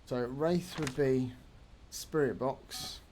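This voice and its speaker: A man's voice: medium pitch, slow pace, a little mellow, a little hiss or hum. A man streaming a ghost-hunting game, chatting casually with wry, understated remarks while he explains the rules. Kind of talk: casual gameplay chat.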